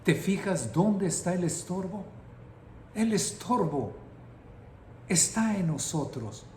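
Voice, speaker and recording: A middle-aged man preaching an impassioned sermon that builds to shouting. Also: high-pitched, big pitch swings, takes it slowly, a little hiss or hum. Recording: roomy echoing room.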